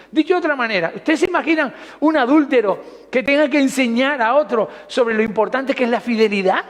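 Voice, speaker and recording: A man's voice: extremely high pitch, in a large hall. A man preaching a sermon, conversational and putting questions to the congregation.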